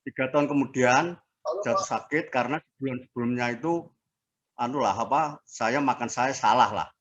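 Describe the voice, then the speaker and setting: A man in his sixties giving a casual personal testimony as an interviewee, speaking haltingly with fillers and restarts. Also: medium pitch, fairly bright tone, highs cut off. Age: 60s. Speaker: interviewee sharing a health testimony.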